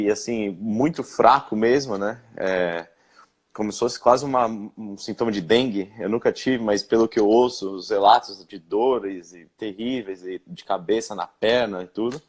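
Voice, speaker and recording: A young man from Brazil speaking in a live-stream interview, recounting his experience with many pauses, fillers and restarts. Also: lowish voice. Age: young adult. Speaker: interviewed guest.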